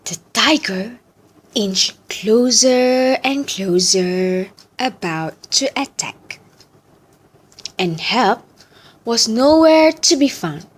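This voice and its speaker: A woman reciting a story in a deliberate, theatrical way, as practice for choral speaking. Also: fairly high pitch, expressive, breathy edge.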